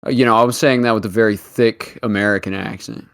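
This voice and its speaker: A man's voice: fairly low pitch, steady tone, fast talker, vocal fry, fairly bright tone. Teasing, jokey man in casual chat. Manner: teasing and jokey, with bursts of laughter. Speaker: guest streamer.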